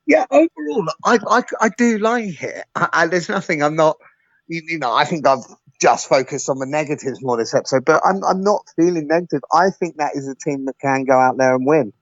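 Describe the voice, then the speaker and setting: A man's voice: fairly high pitch, expressive, brisk, dry recording. A man co-hosting a casual rugby podcast, speaking emphatically and stumbling on the first words of his sentences. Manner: emphatic, stammers at starts. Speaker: podcast co-host. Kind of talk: casual chat. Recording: dry, dull sound.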